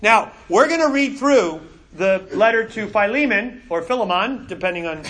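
A middle-aged man leads a Bible class in a high, bright voice. He talks in a lively, conversational way and often repeats a word before he carries on. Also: moderate pace. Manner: animated and conversational, with frequent repeated words. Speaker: Bible teacher. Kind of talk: classroom lecture.

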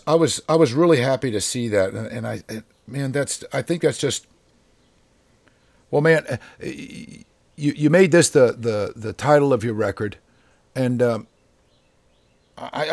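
A man being interviewed as a drummer guest, talking in a casual, halting way with many fillers and restarts. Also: medium pitch, a little mellow, no room sound.

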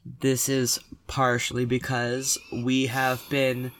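A man's voice: mid-range voice, completely flat delivery, takes it slowly, fairly bright tone. A man co-hosting a casual podcast from inside a clothes closet, talking with a dry, wordy humor. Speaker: podcast co-host.

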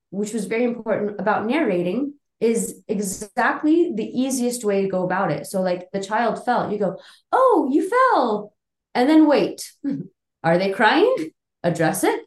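A woman's voice: on the high side, darkish tone. A woman co-hosting a parenting podcast, talking earnestly and explaining her points with apologetic asides. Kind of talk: casual conversational podcast chat. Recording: roomy, echoey podcast audio.

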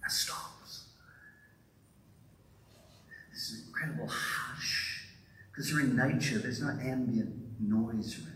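A man preaching a conversational sermon in a church, now and then acting out confused disciples with sudden high exclamations. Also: slow pace, pauses often, a bit bright. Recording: roomy echo, distant from mic, faint ambience.

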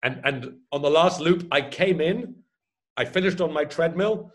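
A man in his fifties, an ultra runner chatting casually about his races, self-deprecating and quick to laugh. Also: a little high. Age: 50s. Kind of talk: casual chat.

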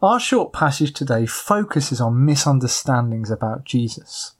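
Measured preacher delivering a sermon. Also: mid-range voice, expressive, breathy edge. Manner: measured storytelling with acted quotes. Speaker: pastor. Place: island church congregation.

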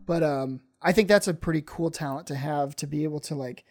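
A man's voice: on the high side, fairly quick, darkish tone. A man, a stand-up comedian, chatting casually on a podcast, rambling with many fillers and restarts.

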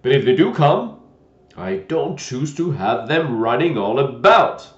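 A man voicing a gentle, fussy old knight who talks loudly and fretfully. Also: medium pitch, very animated, a little slow. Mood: fussy eager. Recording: dull lo-fi roomy recording.

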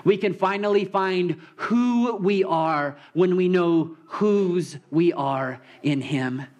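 A man preaching a heartfelt sermon in a church, speaking in a fairly high voice. He is openly emotional and tells a story gently. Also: slow pace, dull audio. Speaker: pastor.

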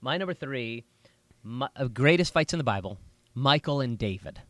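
A man, a pastor, co-hosting a casual Bible podcast, telling stories with animated energy and slipping into a preacher voice. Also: mid-range voice, moderate pace, no room sound. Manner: animated storyteller, drifts into a preacher voice.

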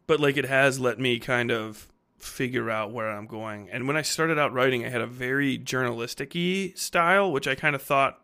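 A podcast host in his thirties, who also writes fiction, speaks at a moderate pace in a sharp, clear, resonant mid-range voice. His unscripted, casual monologue rambles and is blunt, slangy and heavily laced with swearing.

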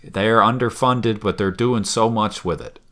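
Low-voiced man musing on a podcast. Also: measured pace. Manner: animated, swears casually, muses expansively. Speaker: podcast co-host. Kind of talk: casual chat.

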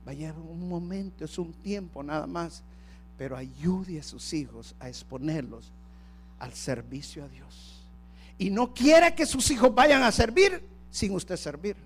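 A male pastor preaching a sermon. He swings from quiet storytelling to shouted calls for worship and acts out the voices of church members and family. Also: a little high, animated, measured pace, a little hiss or hum.

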